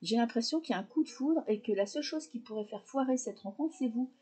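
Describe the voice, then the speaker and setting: A woman chats through a tarot reading, speaking directly to her viewers and pausing on fillers as she thinks. Her voice sits fairly high but sounds dark and mellow. There is a husky grain to it. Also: expressive. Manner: chatty, addresses viewers directly, many fillers. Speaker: tarot reader.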